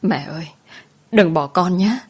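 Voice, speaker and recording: A woman's voice: on the low side, a little slow, darkish tone, slightly rough. A woman voicing a frightened young woman who pleads tearfully for her sick mother. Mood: pleading.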